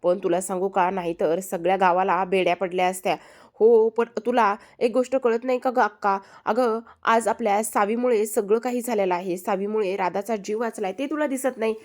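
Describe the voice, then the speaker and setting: A woman's voice: medium pitch, steady tone, normal speed, natural voice. A woman voicing a firm, caring village headman and father in a retold serial, earnest in argument. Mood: insistent.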